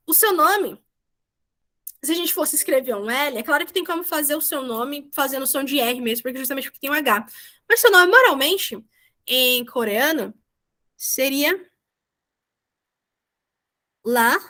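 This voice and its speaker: A young woman teaches an online class over a video call, chatty and encouraging, drawing out example words slowly. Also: high voice, animated, bright, forceful tone. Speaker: language teacher.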